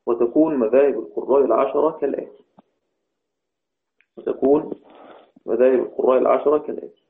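A man teaching Quranic readings in a lecture, asking his students questions and answering them himself, slowing down to recite verse lines. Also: medium pitch, gravelly. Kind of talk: classroom lecture. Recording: tinny phone-like recording.

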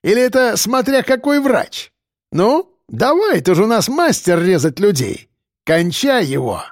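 A man's voice: sits high, big pitch swings, unhurried, no echo, voice pushed up, exaggerated voice. Brutal male convict ringleader voiced by a man, coarse and domineering; dry audiobook read. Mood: menacing. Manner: coarse, barking slang threats.

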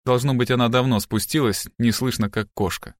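A man reading a novel aloud as audiobook narrator in an even, measured way. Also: medium pitch, no echo, studio quality. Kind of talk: scripted narration.

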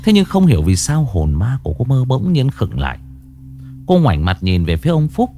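A man narrating a scripted ghost story in a dramatic, expressive reading. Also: medium pitch, normal speed, soft background music.

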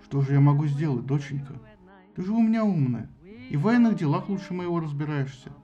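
A man's voice: a little high, expressive, brisk, dark tone, highs cut off, soft background music, natural voice. Zeus, a man doing a weary grumbling father god. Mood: coaxing. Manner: tired, grumbling.

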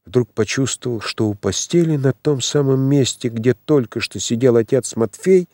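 A man narrating an audiobook in a measured, dramatic reading. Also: mid-range voice, a little mellow, no echo, clean studio sound.

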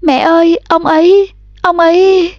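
A woman voicing a frightened young girl who pleads in a high, urgent, breathless way. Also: takes it slowly, dry recording, lo-fi sound. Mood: pleading.

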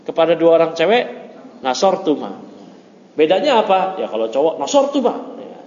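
Male teacher with a higher voice, joking, chatty class talk, muffled roomy recording. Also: normal speed. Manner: joking, chatty, mixes Arabic terms into relaxed explanation. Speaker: teacher of Arabic grammar. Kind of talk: informal classroom lesson. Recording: muffled echoey room recording.

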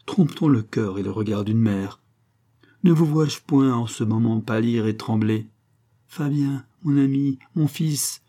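A man's voice: lowish voice, moderate pace, mellow, close to an everyday voice. A man voicing a grieving noble mother, a marquise, who pleads with emotion, rising to cries. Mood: pleading.

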